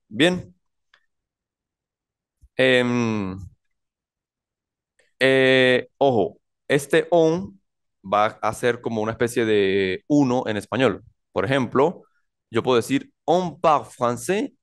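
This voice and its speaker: Guy teaching french class, slow and careful, keeps asking if everyone's following. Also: medium pitch. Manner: slow and deliberate, repeats phrases and checks with "¿bien?". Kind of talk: classroom lecture.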